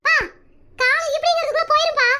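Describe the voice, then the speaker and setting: A woman's voice: extremely high pitch, steady tone, fast, sharp tone, voice pushed up. A woman voicing a cheeky, dramatic young boy in a cartoon comedy, speaking with a rural Tamil Nadu accent and a whiny, pleading manner. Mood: sassy. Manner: whiny, pleading, mock-threatening.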